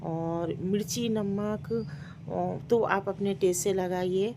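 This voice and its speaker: A Hyderabadi woman narrates her home cooking in a chatty, repetitive way, her pitch sitting in a middle range. Sizzling and frying are plainly heard in the kitchen behind her. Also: steady tone, takes it slowly, background noise. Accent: Hyderabadi Hindi-Urdu. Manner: chatty, explains each step with repeated words. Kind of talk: casual cooking voice-over.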